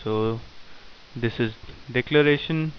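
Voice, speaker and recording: A man teaching programming in a screen-recorded tutorial, dictating code in short halting phrases. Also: medium pitch. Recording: dull lo-fi sound with faint hiss.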